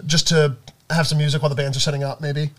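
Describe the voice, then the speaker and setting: A man co-hosting a casual podcast, telling stories in a rambling, animated way with lots of fillers. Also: a little high, fast. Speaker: podcast co-host. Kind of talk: casual chat.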